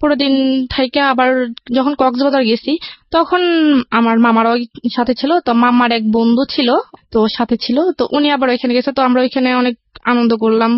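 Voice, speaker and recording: As a radio show guest, a young Bangladeshi-accented woman recounts her life in detail, quoting what people said. She speaks at a moderate pace with fairly even intonation in a slightly high voice, over dull, lo-fi broadcast sound that is dry.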